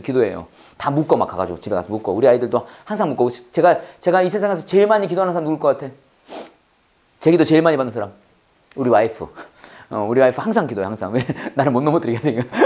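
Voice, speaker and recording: A man teaching a Bible English class, leading call-and-repeat drills and quizzing his students in an animated, chatty way, with frequent laughs. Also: medium pitch.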